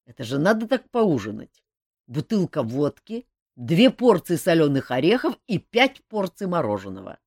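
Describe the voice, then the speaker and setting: A woman's voice: low voice, big pitch swings, moderate pace, a little mellow, breathy edge, no room sound, clean studio sound, exaggerated voice. A woman voicing a jovial male companion who teases his friend. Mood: teasing. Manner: teasing.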